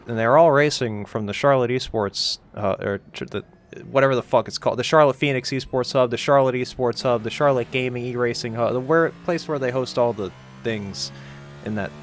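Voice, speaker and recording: A man commentating a live-streamed sim race, excitable and stumbling over his words, still coughing from a cold. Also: medium pitch, a little hiss or hum. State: coughing a lot.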